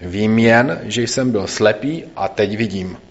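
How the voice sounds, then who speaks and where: Guy reading as a healed blind man, pushy and insistent, voice climbs higher, bit dull lo-fi sound. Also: natural voice. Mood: plain.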